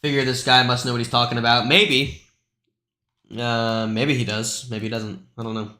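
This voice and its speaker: A man's voice: medium pitch, flat delivery, moderate pace, bright, forceful tone, roomy sound, slight background noise. A man hosting a live stream, talking through price charts in a loose, chatty way with lots of asides. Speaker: crypto live stream host.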